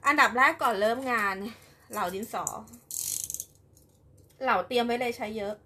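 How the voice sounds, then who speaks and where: A woman's voice: on the high side, steady tone, normal speed, sharp tone, slight background noise. A young woman chatting casually on a live stream while preparing an embroidery project, giggly and talkative. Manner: chatty and giggly, with frequent laughs and repeated words.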